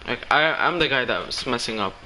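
A man commentating live as he plays a shooter game, excitable and talking to himself. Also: medium pitch, moderate pace, a little hiss or hum. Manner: excitable, talks to himself while playing. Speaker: gaming streamer.

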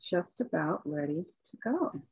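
A woman's voice: sits low, big pitch swings, unhurried, darkish tone, slightly rough, no room sound. Woman hosting an online event, chatty, lots of ums, kinda muffled dry call audio. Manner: chatty, with restarts and fillers. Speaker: host, assistant dean. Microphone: video call.

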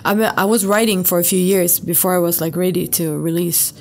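A young woman from southern Sweden with a Swedish accent, a podcast guest talking casually with relaxed hesitations, on a studio microphone. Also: on the low side, a little fast, a little hiss or hum. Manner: relaxed, hesitant with many fillers. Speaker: guest musician. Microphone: studio condenser mic on boom arm.

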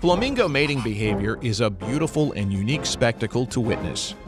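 Lively male nature documentary narrator over music. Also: medium pitch, fairly quick. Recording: music behind the voice. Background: background music.

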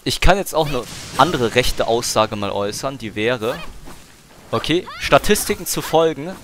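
A man's voice: medium pitch, expressive, normal speed, a bit bright, a little hiss or hum. A young man streaming a game, chatting casually and arguing his point in slangy talk, pushing on through interruptions. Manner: argumentative, slangy, talks over interruptions. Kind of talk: casual chat while gaming.

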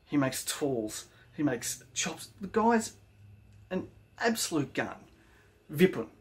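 Chatty Australian woodworking vlogger. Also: male voice, on the high side, sing-song, slow pace. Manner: enthusiastic, slangy praise for fellow makers. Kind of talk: casual vlog narration.

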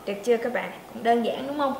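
Female pronunciation teacher, high voice, patient step-by-step demos, echoey room. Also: creaky, heavy background noise. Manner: demonstrates sounds slowly, asks learners to check in. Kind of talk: pronunciation lesson. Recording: echoey room with faint ambience.

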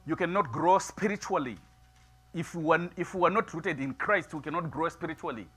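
Bright, husky-voiced preaching pastor. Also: male voice, fairly high pitch, brisk. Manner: builds from soft musing to loud preaching, gestures widely. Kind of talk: sermon. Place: small church sanctuary, seated before altar flowers.

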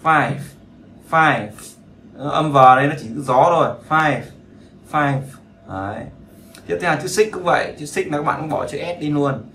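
Man, chatty teaching voice, bright tone, echoey room. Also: a little high, a little hiss or hum. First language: Vietnamese. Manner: chatty and teasing, repeats words slowly to drill them. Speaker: English teacher. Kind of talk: casual spoken lesson.

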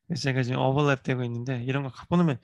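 A middle-aged man teaching English in a chatty lecture, repeating phrases slowly for learners. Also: mid-range voice, a little mellow, no echo. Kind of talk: casual lecture.

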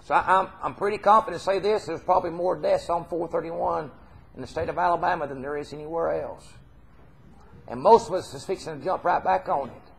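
The audio is poor as a middle-aged Southern US preacher speaks briskly in a fairly high voice with vocal fry. His sermon, given on an indoor church hall stage, is informal, folksy, and earnest, with phrases repeated for emphasis.

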